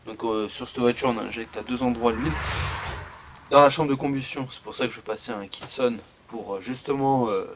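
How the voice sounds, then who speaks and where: A man's voice: medium pitch, a little fast, slight background noise. Chatty man filming his car. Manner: chatty, hesitant with many fillers, pointing things out. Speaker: car enthusiast showing his car. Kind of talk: casual garage walkaround. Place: garage, in and around a car.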